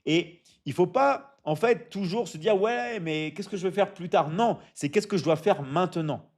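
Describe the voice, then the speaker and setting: A man's voice: sits high, normal speed, a little mellow. A man hosting a casual live stream, answering viewer comments and coaching with lots of "d'accord?" and restarts. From Michigan. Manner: repeats "d'accord?" often, stumbles and restarts, coaching tone.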